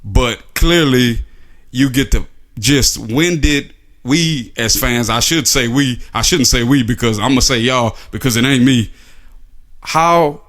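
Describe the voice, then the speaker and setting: A man's voice: medium pitch, measured pace, fairly bright tone. Sarcastic man ranting about sports. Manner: sarcastic, rhetorical, filler-heavy. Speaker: sports commentary vlogger. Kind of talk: casual opinion monologue.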